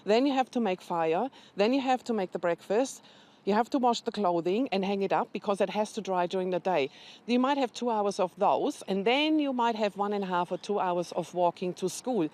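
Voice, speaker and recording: A woman's voice: medium pitch, a little mellow. A woman speaking as a charity representative in a news interview, explaining things step by step in an informative way.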